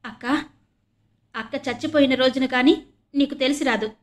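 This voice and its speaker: A woman's voice: high voice, moderate pace, lightly acted. A woman voicing a tender crippled teenage boy who pleads through tears, in a storybook reading. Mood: pleading. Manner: pleading, tearful.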